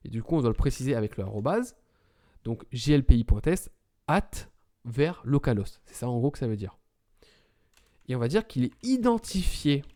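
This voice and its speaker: A tutorial presenter narrates a screen-recorded IT tutorial on computer setup, talking through the commands step by step and correcting small slips as he goes. His voice is medium-pitched and mellow.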